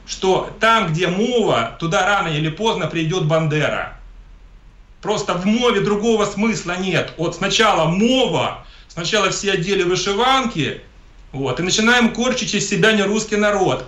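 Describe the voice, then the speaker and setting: Recorded in an echoey room, a man from Ukraine speaks as an interview guest with a high, slightly bright voice. His political commentary is forceful and polemical, and he often says the same things again.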